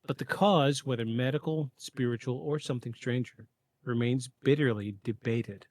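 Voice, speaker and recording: A man hosts a podcast and reads his script in a measured way. He sits at a middle pitch. The sound is close and dry, with no room around it. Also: a little mellow, no room sound. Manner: reads a prepared script in a measured way, with stumbles and asides. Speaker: podcast host. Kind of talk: scripted narration of a paranormal case.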